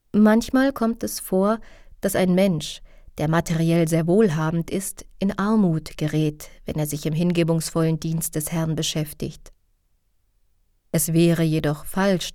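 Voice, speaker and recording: A woman reads a devotional text aloud in an even, reverent manner. Her voice is low and mellow, and the recording is dry and close. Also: no room sound. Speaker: audiobook narrator. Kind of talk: scripted narration of a religious text.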